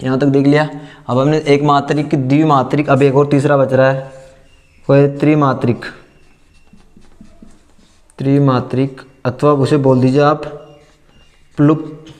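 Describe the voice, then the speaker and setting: A man teaching a class, repeating terms slowly and asking and answering his own questions as he writes them down. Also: medium pitch, a little mellow. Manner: dictates as he writes. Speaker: Hindi teacher. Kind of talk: classroom lesson at a board.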